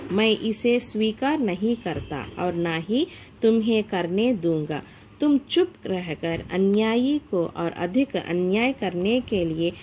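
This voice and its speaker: Woman reading stern male employer, scolding, lecturing, very slow, mid pitch. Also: darkish tone, a little hiss or hum.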